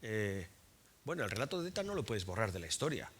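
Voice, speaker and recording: A man's voice: lowish voice, big pitch swings, fast, a bit bright. A man talking at a public book presentation, frank and colloquial, who swears often and restarts and repeats words as he thinks aloud.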